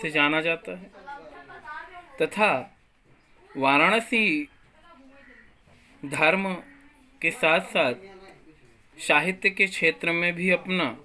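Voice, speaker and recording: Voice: medium pitch, extremely slow, long pauses, pushed and bright. A school teacher giving a lesson, reciting verse lines and explaining them word by word with English words mixed in. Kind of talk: classroom lesson.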